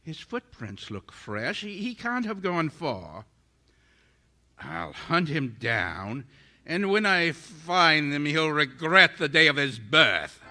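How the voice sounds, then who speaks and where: A ruthless invisible tyrant of audio drama, played by a man, theatrical and menacing. The voice is a little high and very sharp, swooping widely as it delivers grand threats at a measured pace. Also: big pitch swings, heavily acted. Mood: angry, vengeful. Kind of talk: live audio theater performance.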